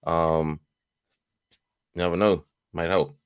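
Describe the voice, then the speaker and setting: A man co-hosting a casual daily talk show, relaxed and offhand. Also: deep voice, slow, smooth.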